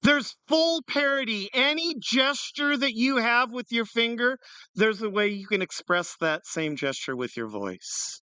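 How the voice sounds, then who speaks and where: A conference speaker giving a live tech talk in an energetic, punning way that jumps between fast and slow, picked up from a distance. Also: mid-range voice, smooth, no echo.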